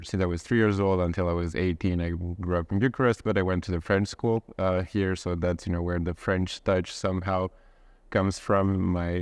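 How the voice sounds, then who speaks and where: A young Romanian man in his twenties, appearing as a podcast guest in a casual interview, speaks in a low, clean voice with no echo. He often restarts sentences and repeats words.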